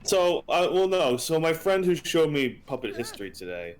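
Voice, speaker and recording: A man in his twenties co-hosting a game stream, telling meandering stories in a relaxed way with many fillers. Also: fairly high pitch, moderate pace, soft background music. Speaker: streamer co-host. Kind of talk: casual chat while streaming a game.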